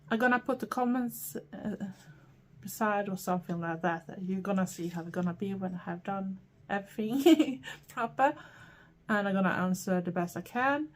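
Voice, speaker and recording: A middle-aged woman from Sweden with a Swedish accent, talking in a chatty, rambling way with frequent pauses. She answers viewer questions for her own channel. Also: medium pitch. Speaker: vlogger. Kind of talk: casual Q&A chat to camera.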